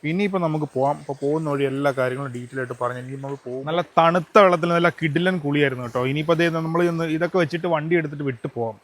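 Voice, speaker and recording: A man from Kerala with a hoarse voice, chatting casually with many fillers while filming a travel vlog on a handheld camera outdoors. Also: fairly high pitch. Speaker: travel vlogger. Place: outdoors by a roadside petrol pump and stream.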